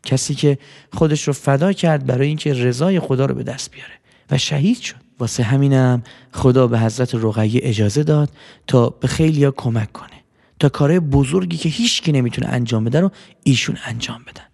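A man telling a first-person story in a gentle way, repeating words for effect. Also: mid-range voice, gravelly. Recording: long hall reverb.

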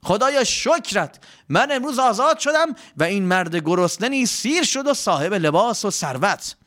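An eager, chatty servant, played by a male storyteller talks in a raised, lively voice. He piles on exclamations, quick and animated. It is a children's audio story. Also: sits high, voice pushed up. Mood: overjoyed.

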